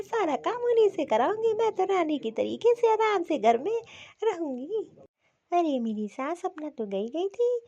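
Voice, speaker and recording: A lazy, scheming young daughter-in-law from a cartoon, voiced by a woman, sugary and sly as she dodges her chores. The voice is very high, and the recording sounds a bit dull and lo-fi. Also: dark tone, exaggerated voice. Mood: gleeful.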